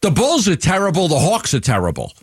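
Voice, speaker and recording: A man co-hosting sports talk radio, laying out his points in an analytical, measured way. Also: fairly high pitch, wildly swooping pitch, slightly rough, no echo, studio quality.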